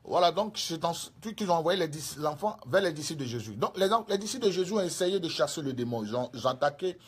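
A man's voice: fairly high pitch, expressive, fast talker, breathy edge. A male preacher with an Ivorian French accent, giving a sermon full of repetition and tag questions.

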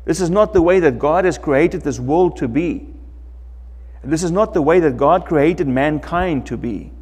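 Slow, emphatic middle-aged male pastor preaching. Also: fairly high pitch, slightly rough, big-room sound. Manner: slow, emphatic preaching with wide swings in loudness. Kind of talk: sermon. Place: church sanctuary, indoors, preaching at a lectern.

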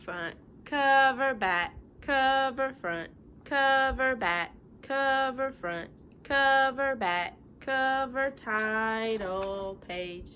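Her voice sits high and comes out very slow, pushed and bright, as this thirtysomething woman gives children an animated picture-book reading. Chatty and sing-song, she breaks off for casual asides that make things simple to understand. It's recorded at home in the living room, with a bit of room noise.

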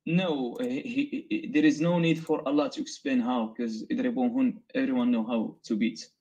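A man's voice: medium pitch, fairly even intonation, moderate pace, dark tone, breathy edge, muffled recording. Hesitant male caller from Morocco. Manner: hesitant, short answers with many fillers. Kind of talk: phone-in debate.

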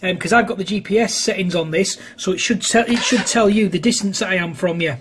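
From his home radio station indoors, a man chats casually over amateur radio, rambling and hesitating as he goes. His voice is high and fairly quick, with background noise behind it.

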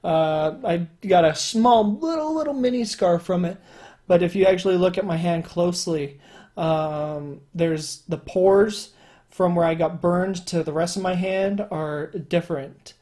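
Unhurried and warm, a young YouTuber chats casually to his webcam from his home room, rambling with fillers and restarts. His voice is pitched high for a man, so much that phone callers often assume he's a woman. It's solo commentary.

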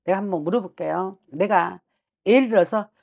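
A woman's voice: medium pitch, brisk, vocal fry, a little mellow, muffled recording. A middle-aged woman works as a fortune teller and talks from her desk in a small shrine office. She is blunt and scolding, and she speaks her client's inner thoughts aloud, pressing hard on every point. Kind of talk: fortune-telling consultation.

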